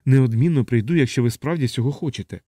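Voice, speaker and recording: A man voicing a shy, nervous young army chaplain who speaks in a halting, apologetic way. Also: medium pitch, warm tone, dry recording, clean studio sound, close to an everyday voice. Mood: timid.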